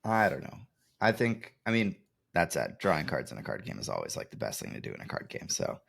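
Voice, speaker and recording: A man's voice: rumbling low, huge pitch swings, fairly quick, vocal fry, fairly bright tone, husky. A young man co-hosting a casual card game podcast, laughing often and hedging his opinions. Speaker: podcast co-host. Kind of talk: casual chat.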